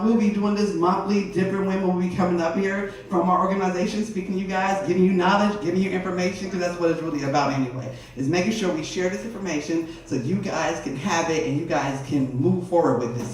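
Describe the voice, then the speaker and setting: An energetic man hosting a live seminar, out of breath and laughing often as he talks to the room. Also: high voice, a little fast, few pauses, a little hiss or hum. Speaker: seminar host. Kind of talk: live seminar opening address. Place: event room with a live audience. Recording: echoey room from far off.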